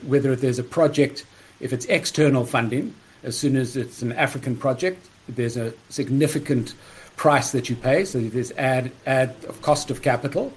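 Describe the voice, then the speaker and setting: A man speaks as a guest on a podcast in a mid-range voice. He explains in a steady, businesslike way, with a slight frog in his throat. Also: mid-range voice. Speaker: guest, startup co-founder. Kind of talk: podcast interview answers.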